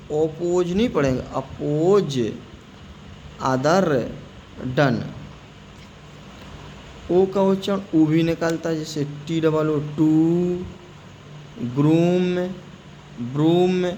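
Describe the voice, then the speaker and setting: A man teaching English pronunciation, slowly spelling out words letter by letter and repeating them. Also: a little high, dark tone, slight background noise, low-quality recording. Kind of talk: spoken classroom-style lesson.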